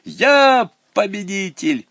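A man voicing an excitable, boastful male clown pupil who talks in eager shouts. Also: sits high, takes it slowly, no room sound, studio quality, voice pushed up, full character voice.

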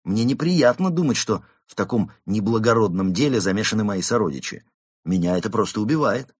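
A man's voice: lowish voice, lively intonation, a little fast, slightly rough, no echo, clean studio sound. A man doing a cheeky, glib cat. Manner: glib, mock-innocent, argumentative. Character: cheeky smooth-talking male tomcat suspect.

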